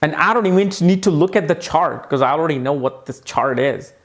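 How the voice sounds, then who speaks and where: A man explaining a lesson with eager emphasis, his voice sitting a little on the high side. He repeats key points to drive them home. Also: lively intonation, brisk. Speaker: astrology teacher.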